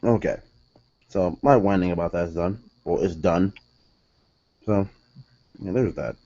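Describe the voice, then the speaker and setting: Young man, low and mellow voice, rambling casual review, self-correcting, slightly muffled lo-fi sound. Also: unhurried. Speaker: wrestling show reviewer. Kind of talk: casual solo review commentary.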